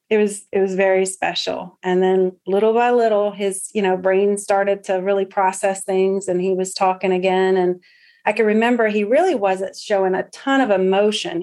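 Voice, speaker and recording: Woman guest telling her story, earnest, lots of ums, middle pitch. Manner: earnest, warm recounting with many fillers. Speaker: interview guest, patient's wife. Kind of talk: personal storytelling.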